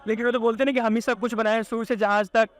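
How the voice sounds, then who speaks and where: Man, street interviewer, quick pace, dry close sound, relaying claims as questions. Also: very high voice, little pitch movement, no echo.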